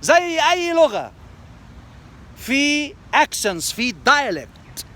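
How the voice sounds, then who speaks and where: A man's voice: very high-pitched, big pitch swings, very slow, sharp tone. An Egyptian man with an Egyptian Arabic accent teaching language skills, explaining terms and repeating them in Arabic and English. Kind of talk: lesson promo, switching between Arabic and English.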